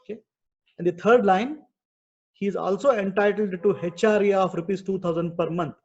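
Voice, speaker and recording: High-voiced Indian male teacher, muffled audio. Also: moderate pace, darkish tone. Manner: didactic, repetitive, frequently checking with "okay". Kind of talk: online lecture explaining worked problems. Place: online video class. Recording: dull, muffled video-call audio.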